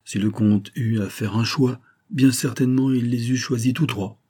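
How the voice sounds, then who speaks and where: A man reading a classic adventure novel aloud in a measured storytelling manner. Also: mid-range voice, steady tone, warm tone, breathy edge. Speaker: audiobook narrator. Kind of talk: scripted narration.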